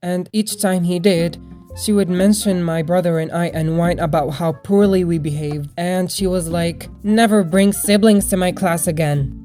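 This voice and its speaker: Over a music bed, a young woman tells a personal story as a storytime video narrator. Her voice sits on the lower side and sounds mellow.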